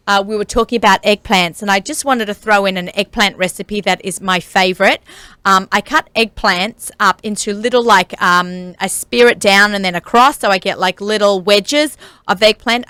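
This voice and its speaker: A woman's voice: medium pitch, sharp tone, clear, resonant tone, no echo. A woman hosting a cooking talk show on the radio, chatting casually and laughing often.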